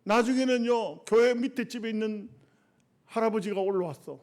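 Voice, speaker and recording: High-voiced preaching man. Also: moderate pace. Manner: colloquial preaching with rhetorical questions to the congregation; repeats short phrases, swinging from loud emphatic bursts to low quiet asides. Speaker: pastor. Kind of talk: sermon.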